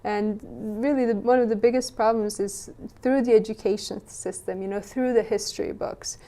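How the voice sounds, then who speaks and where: Thoughtful young woman, mellow. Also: on the high side, steady tone, normal speed. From Western Bosnia. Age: young adult. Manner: thoughtful, many restarts and "you know". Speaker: guest. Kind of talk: interview answers.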